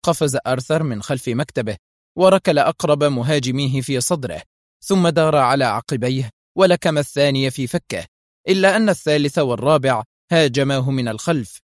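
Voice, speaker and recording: A man narrating a thriller audiobook in a dramatic, measured storytelling style. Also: mid-range voice, expressive, no echo, clean studio sound.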